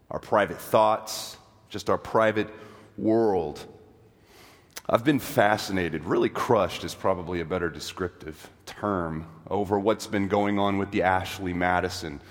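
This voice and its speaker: A man with a sick, hoarse voice pitched low delivers a sermon in a casual, joking way. His words carry a long reverb from a large space. He keeps it conversational rather than grand. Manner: self-deprecating, conversational preaching. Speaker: pastor.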